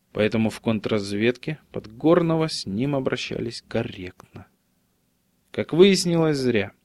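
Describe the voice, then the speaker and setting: Brief: male narrator, mid pitch, dry studio sound, measured reading. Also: no room sound. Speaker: audiobook narrator. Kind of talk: scripted audiobook narration.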